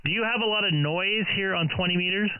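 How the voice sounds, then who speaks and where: A man's voice: high-pitched, fast, very noisy. A man calling CQ over ham radio, repeating his call sign in standard radio procedure, heard as a radio transmission. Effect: ham radio transmission over the air. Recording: tinny, phone-like radio audio.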